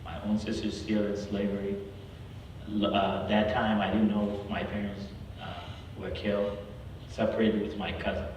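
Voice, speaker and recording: Man from South Sudan, deep-ish voice, earnest halting campus talk, far off in a long-reverb hall. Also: flat delivery, darkish tone, a little hiss or hum. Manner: earnest, halting, with restarts and exclamations of "wow". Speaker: guest speaker. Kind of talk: campus talk with prayer and personal story. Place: large hall.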